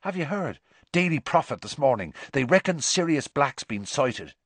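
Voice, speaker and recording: A man reading aloud and voicing an excitable teenage schoolboy who shares gossip eagerly. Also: a little high, no echo, pitched above the performer's own voice. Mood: excited. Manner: eager, quick, chatty.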